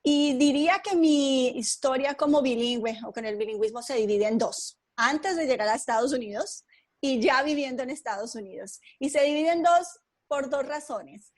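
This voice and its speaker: Unhurried Colombian-born woman guest. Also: high voice. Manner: thoughtful, unhurried storytelling with frequent fillers. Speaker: podcast guest. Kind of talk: conversational interview.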